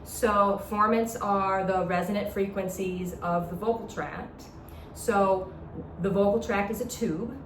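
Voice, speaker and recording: Speaking a little slowly with a steady tone, this woman has a mid-range voice. She's an instructor showing how a talk box works, walking through it step by step in an informal, demonstrative way, recorded on an echoey, distant mic with background noise.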